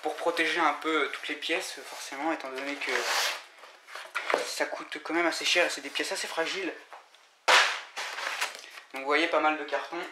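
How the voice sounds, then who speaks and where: A man giving a casual, halting unboxing commentary, full of fillers and restarts. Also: a little high, steady tone. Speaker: vlogger unboxing scooter parts. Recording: echoey room with loud noise and crinkling.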